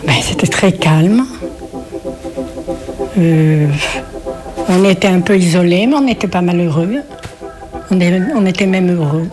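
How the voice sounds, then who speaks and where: A woman's voice: lowish voice, measured pace, long pauses. Elderly woman reminiscing, music behind. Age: 80s. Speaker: interviewee. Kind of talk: casual reminiscing.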